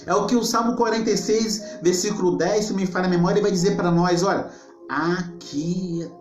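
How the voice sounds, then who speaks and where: A man preaching a sermon as a pastor, earnest and repetitive, dropping low and soft when he quotes scripture. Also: fairly even intonation, quick pace, echoey room, faint music behind.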